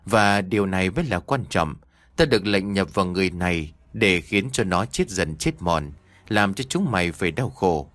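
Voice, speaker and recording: A ravenous demon gloats over its victim in a horror audio story, as a male narrator puts it on. The voice sits low and swings widely in pitch. The recording is close and dry. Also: expressive, normal speed, a bit bright, no room sound. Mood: gloating. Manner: gloating, cackling. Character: greedy demon possessing a woman.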